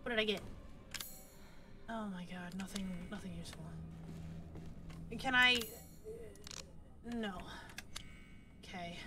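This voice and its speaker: A woman's voice: medium pitch, takes it slowly, long pauses, noisy background. A woman streaming a horror game, talking to the screen in a jittery way and yelping and repeating words in panic. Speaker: gaming streamer. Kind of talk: horror gameplay commentary.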